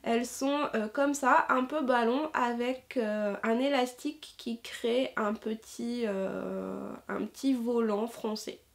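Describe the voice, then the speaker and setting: A woman's voice: on the high side, fairly even intonation, slow, vocal fry, hardly any pauses. A woman chatting casually about her sewing projects, enthusiastic and full of hesitations, fillers and restarts. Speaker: sewing vlogger. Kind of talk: casual chat.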